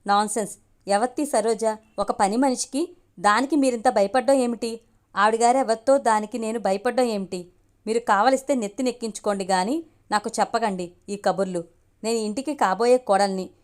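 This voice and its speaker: A haughty young woman with a sharp, taunting tongue, put on by a woman reading the story. She speaks with defiant scorn in an audiobook reading. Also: a little high, normal speed, natural voice. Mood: scornful.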